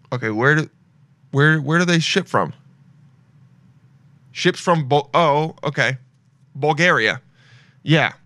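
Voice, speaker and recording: Browsing shopping websites and reading the reviews out loud, this young podcast host rambles and cracks jokes in a relaxed show. He has a fairly high, sharp-toned voice, captured with no echo.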